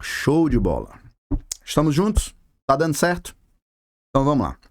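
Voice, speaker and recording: A Brazilian-accented man teaches a physics review lesson at a board. His voice sits fairly high and the sound is dry and close. He keeps it chatty, tossing casual slang straight at the viewer. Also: huge pitch swings, normal speed, no echo. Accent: Brazilian Portuguese. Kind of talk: video lesson. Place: classroom with a board.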